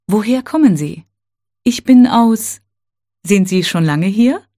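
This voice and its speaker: A woman teaching a language, reading set phrases one at a time in a slow, careful, clearly spaced way. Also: mid-range voice, expressive, mellow.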